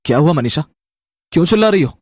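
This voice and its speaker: A woman's voice: low voice, fast talker, no echo, clean studio sound. A woman voicing an easygoing, reassuring young husband in a spoken story. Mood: puzzled. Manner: relaxed, reassuring.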